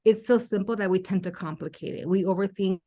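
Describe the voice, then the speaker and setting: A woman's voice: mid-range voice, fairly quick, warm tone. A woman hosting a podcast as a spiritual life coach, talking candidly and animatedly, swearing casually and acting out her own past reactions.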